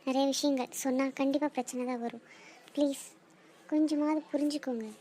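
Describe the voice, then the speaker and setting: A woman's voice: high-pitched, fairly even intonation, brisk, dark tone, a little hiss or hum, lightly acted. A young woman acting an exasperated, stubborn bride-to-be who argues back in an audio drama. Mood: pleading. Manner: exasperated, argumentative.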